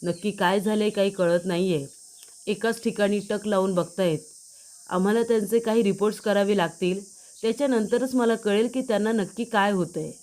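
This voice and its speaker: A woman's voice: mid-range voice, fairly even intonation, moderate pace, a little mellow, close to an everyday voice. A woman voicing a male hospital doctor explaining a patient's odd behaviour in a retold drama. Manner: matter-of-fact, explaining.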